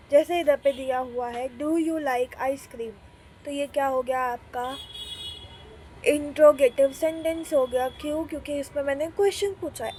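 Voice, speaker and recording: A woman teaching an English grammar lesson who keeps turning her points into rhetorical questions for the class and reads example sentences slowly. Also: sits high, a little mellow, slight background noise.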